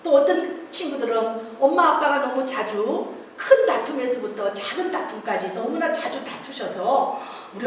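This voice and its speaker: A woman's voice: a little high, slight background noise. A woman preaching a Bible story to children at a church service, acting out the disciples' cries in a raised voice. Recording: echoey distant church room recording.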